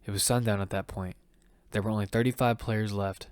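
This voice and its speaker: Loud music sits behind this man's lowish, steady, brisk voice as he narrates in first person, playing a blunt young survivor of a deadly battle game in an audio fiction. The mood is grave, the delivery close to everyday speech, and there's background noise.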